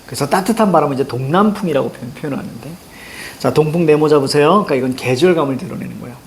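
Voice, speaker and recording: A man's voice: fairly high pitch, animated, rapid-fire, a little hiss or hum. A middle-aged man teaching a class on classical poetry, chatting with students and acting out anecdotes with a raised voice. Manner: chatty, tells stories and acts out quotes with a raised voice.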